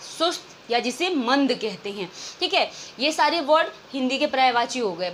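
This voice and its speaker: High-voiced woman teaching vocabulary in Hindi. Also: fairly bright tone, a little hiss or hum. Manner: explains in Hindi mixed with English, often asks and answers her own questions. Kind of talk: exam-prep vocabulary lesson.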